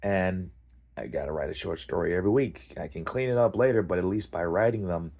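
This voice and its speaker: Very deep-voiced man, casual rambling rant. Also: brisk, vocal fry, darkish tone, breathy edge. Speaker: fiction writer hosting a rant vlog.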